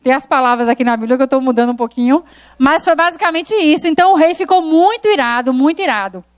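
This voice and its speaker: High-voiced woman preaching a story sermon. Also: quick pace. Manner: lively retelling with rhetorical questions to the congregation.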